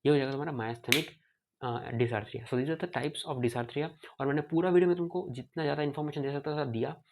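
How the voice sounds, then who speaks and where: A man's voice: on the high side, brisk, a little mellow. A young man teaching medicine in a casual lecture, switching between Hindi and English and sounding out speech patterns himself. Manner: informal, mixes Hindi and English, demonstrates speech patterns aloud; frequent throat clearing. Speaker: medical tutor.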